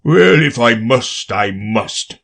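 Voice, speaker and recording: A man voicing a pompous, fretful king in a storybook reading, slow and grave. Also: medium pitch, lively intonation, gravelly, a bit bright, exaggerated voice.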